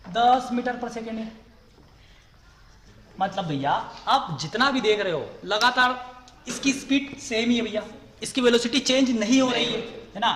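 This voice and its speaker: Male physics teacher, high voice, classroom lecture style, long room reverb. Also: fairly bright tone, a little hiss or hum. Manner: repeats questions and answers them himself, says "ठीक है" often.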